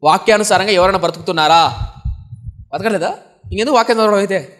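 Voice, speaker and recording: Emphatic young preacher, fairly high voice. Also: male voice, fast, fairly bright tone. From Andhra Pradesh, India. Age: young adult. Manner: emphatic, asks the listeners rhetorical questions. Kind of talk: sermon storytelling.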